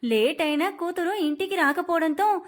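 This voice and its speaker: A woman narrating a romantic family story in an emotive, expressive storytelling manner. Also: extremely high pitch, moderate pace.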